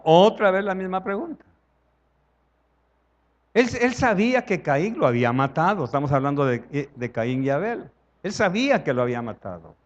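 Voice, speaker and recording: A man's voice: a little high, dull audio. A man with a Salvadoran Spanish accent preaching a conversational sermon in church, acting out dialogue and asking the congregation questions.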